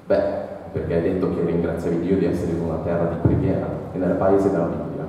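A man reading aloud the lines of a gentle young woman interviewer, asking patient questions in his plain read-aloud voice. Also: low-pitched, flat delivery, quick pace, a little hiss or hum, close to an everyday voice. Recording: echoey hall, mic far off.

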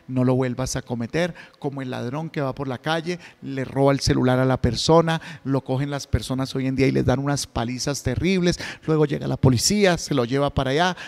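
Mellow-voiced male priest preaching. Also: medium pitch. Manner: earnest preaching with everyday examples and rhetorical questions. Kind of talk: homily and Mass prayers.

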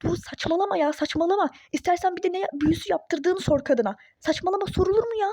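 A meddling, superstitious girlfriend in a phone-game role-play story, as a woman voices her. She nags insistently in a high, mellow voice. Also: fast. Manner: insistent, nagging, conspiratorial. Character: pushy superstitious young woman friend, meddling.

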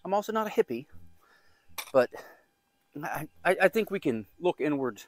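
A man's voice: on the high side, big pitch swings, moderate pace, slight background noise. A man filming a casual gardening vlog outdoors in the woods and garden, chatty and rambling, poking fun at himself. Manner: chatty, rambling, self-deprecating. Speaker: gardening vlogger.

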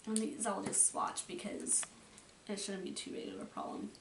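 A woman's voice: mid-range voice, flat delivery, moderate pace. A woman talking casually through a makeup declutter, rambling a bit and restarting her thoughts, in her bedroom. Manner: rambling, chatty, trails off and restarts. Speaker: beauty vlogger. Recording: roomy, from a distance, faint noise.

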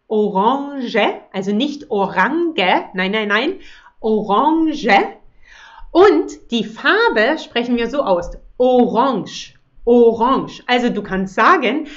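A woman teaching German words, pronouncing each one slowly and carefully and then translating it into English. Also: a little high, muffled recording. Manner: slow, careful pronunciation, switching to English translations. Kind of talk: language lesson, repeating words slowly.

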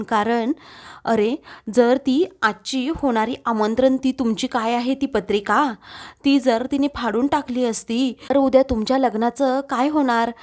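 A woman's voice: fairly high pitch, close to an everyday voice. A woman narrator reading the lines of a teasing young woman in a serial recap.

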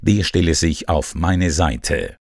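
A man's voice: low-pitched, takes it slowly, dry recording, studio quality, full character voice. An actor voicing the famous detective as a commanding, authoritative man, declaiming his orders to a crew in an audiobook. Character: commanding male detective confronting a ship's crew. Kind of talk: audiobook character voice.

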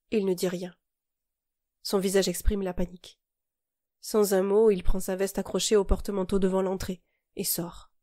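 A woman narrating her own novel in the first person, in a calm, measured, intimate reading. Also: mid-range voice, no room sound, studio quality. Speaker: audiobook narrator and author.

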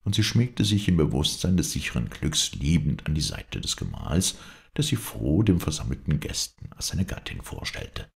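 Very deep, gravelly male storyteller. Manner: measured, expressive narration. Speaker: audiobook reader. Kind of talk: reading a classic ghost story aloud.

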